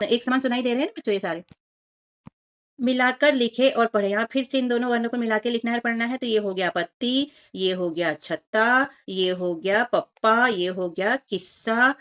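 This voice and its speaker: A woman teacher reads a children's workbook aloud and sounds each word out slowly and clearly. Her voice sits a little high. The recording is dull and lo-fi. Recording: dull lo-fi audio.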